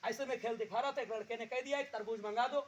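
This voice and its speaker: A man working as a street magician, calling out loud hawker-style patter to the people at an outdoor village show. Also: very high-pitched, steady tone, fast talker, a little hiss or hum.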